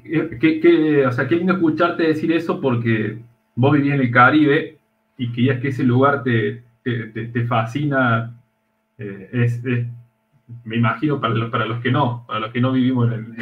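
A man hosting an interview and asking questions in a halting way, repeating words. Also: mid-range voice, fairly even intonation, roomy sound, phone-quality sound. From Argentina. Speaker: interview host. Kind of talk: casual interview over a call.

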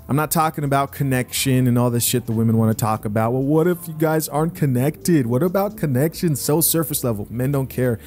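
A man's voice: medium pitch, darkish tone. A man in his thirties, born in Zambia, giving blunt, opinionated commentary to his viewers on a close studio mic. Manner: blunt, emphatic, addresses viewers directly. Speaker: podcast host. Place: small home studio room, indoors. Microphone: close studio mic, wearing headphones.

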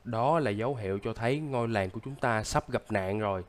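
A man's voice: lowish voice, fairly quick, natural voice. A man playing a sick, stern big brother. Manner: stern and lecturing, coughing. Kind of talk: casual game role-play.

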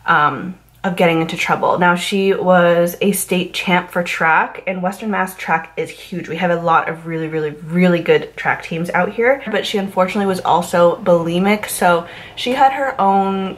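A woman's voice: lowish voice, normal speed, hardly any pauses. A young woman from Massachusetts telling a true crime story to camera in a casual, rambling way, full of likes and you knows. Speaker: YouTube true crime host.

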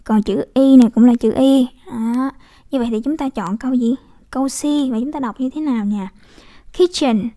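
High-voiced woman teaching English pronunciation. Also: mellow. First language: Vietnamese. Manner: repeats model words slowly, checks with "đúng không?". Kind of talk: casual classroom explanation.

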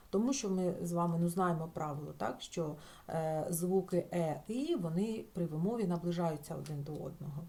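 Woman teacher, grammar lesson, patient, sounds out example words, mellow low voice, lively pitch.

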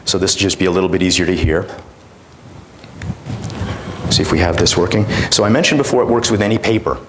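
A middle-aged man with a low voice presents a product demonstration on stage. His delivery is informal and halting, as he talks an audience through each step. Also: background noise. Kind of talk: conference product demonstration talk. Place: indoor conference room, on stage.

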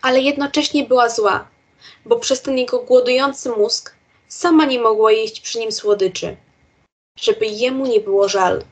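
A woman narrates a children's storybook, reading aloud in a slow, careful way. Her voice is fairly high and has a soft, breathy edge. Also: fairly even intonation. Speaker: reader.

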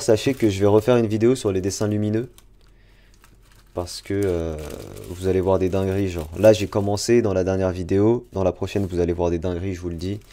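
A man's voice: lowish voice, mellow. A young man, chatting casually to viewers on a live stream while unboxing. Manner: chatty, talks to chat directly. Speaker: drawing streamer.

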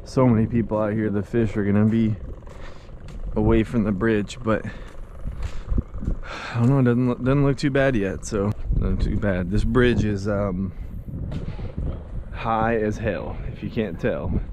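A man's voice: lowish voice, steady tone, measured pace, pauses often. A young American man narrating a casual outdoor fishing vlog in a laid-back, slangy, sometimes profane way. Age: young adult. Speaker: fishing vlogger. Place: outdoors at a river and bridge. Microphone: handheld action camera at arm's length. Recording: clearly noisy outdoor action-camera audio.

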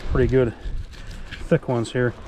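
A middle-aged man talks to the camera with upbeat enthusiasm while fishing from a sandy beach by the surf, narrating a casual vlog. A head-mounted action camera records his medium-pitched, level, slightly slow voice, and the surf is clearly audible.

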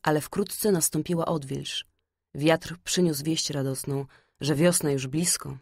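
A woman narrating a fairy-tale audiobook in a calm, measured storytelling manner. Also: low-pitched, slightly rough, dry recording, studio quality.

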